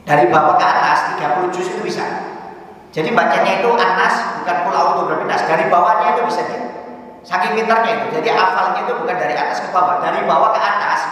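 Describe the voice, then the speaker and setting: A man from Indonesia delivers a religious lecture, his fairly high voice bouncing around a long-reverb mosque hall. He tells stories with growing excitement and punctuates his lines with a steady "ya". The mic sits some distance away, so he sounds far off. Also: quick pace. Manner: storytelling with rising excitement and repeated "ya". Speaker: preacher leading a study circle.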